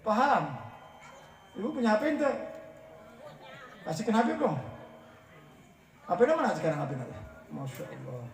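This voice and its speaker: High-voiced preacher man, echoey and distant. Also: very animated, moderate pace, long pauses. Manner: teasing, keeps asking the audience "right?". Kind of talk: humorous sermon to a congregation. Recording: echoey room, voice from far off the mic.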